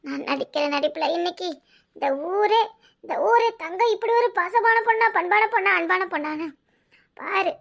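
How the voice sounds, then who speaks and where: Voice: very high-pitched, normal speed, gravelly, fairly bright tone, full character voice. A performer voicing a sly, wheedling adult village daughter in a cartoon, with a Kanyakumari Tamil accent and a mock-innocent way of asking. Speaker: cartoon character. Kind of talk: comic cartoon voice acting.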